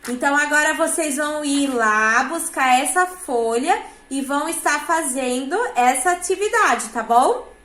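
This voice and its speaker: Brazilian woman teacher walking a class through worksheet tasks, patient, high bright voice, echoey classroom. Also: animated, measured pace. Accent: Brazilian Portuguese. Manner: patient, checks understanding with frequent tag questions. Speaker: schoolteacher. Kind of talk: classroom instruction.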